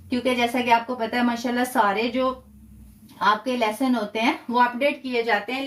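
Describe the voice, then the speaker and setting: A woman teaching a live online lesson, explaining patiently step by step and drawing out example words slowly. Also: a little high. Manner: slow, drawn-out recitation of example words. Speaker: Quran teacher. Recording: roomy, a bit far from the mic.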